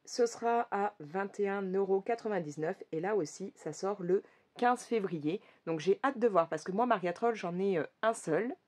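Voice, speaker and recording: Casual woman vlogger, mid-pitched, rambling and friendly, stops and restarts as she goes. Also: moderate pace, darkish tone. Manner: chatty, many fillers and self-corrections. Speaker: coloring vlogger. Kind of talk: casual chat about upcoming coloring books.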